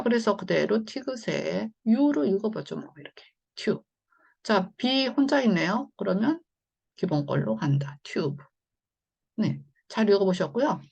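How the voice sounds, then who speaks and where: Gravelly-voiced woman teaching phonics. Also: medium pitch, dull audio. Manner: patient, explains slowly with many fillers. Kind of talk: online phonics lesson.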